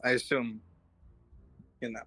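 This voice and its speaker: A man's voice: medium pitch, level tone, a little slow, bright, forceful tone, husky. A man playing a tabletop roleplaying game, casually asking questions in play.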